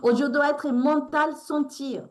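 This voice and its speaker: Interview guest, woman with Spanish accent, a bit high-voiced, earnest and groping for words. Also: fairly even intonation, takes it slowly. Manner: earnest, searching for words, many restarts. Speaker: guest, resilience coach and therapist. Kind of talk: emotional interview talk.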